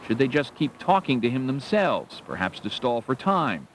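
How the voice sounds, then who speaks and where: A man's voice: mid-range voice, sing-song, moderate pace, a little hiss or hum. A man presenting a documentary with dramatic scripted narration.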